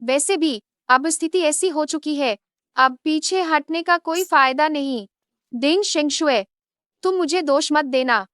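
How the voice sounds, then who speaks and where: A high-voiced scheming older maid. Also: female voice, a little slow, fairly bright tone, no room sound, clean studio sound. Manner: pleading, then cold and scheming. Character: scheming older maid, pleading then greedy. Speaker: housemaid deep in debt. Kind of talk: Hindi drama dub.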